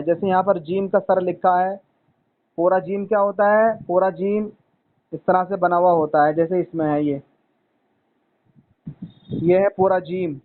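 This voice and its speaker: Through narrow, tinny audio, a man whose voice sits high tutors one student in reading Arabic letters, repeating things patiently and often calling the boy son.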